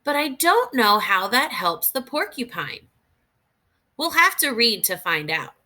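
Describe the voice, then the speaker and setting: A woman with a slightly high voice reads aloud expressively and instructively, the way a teacher would for young children, pausing to think through questions.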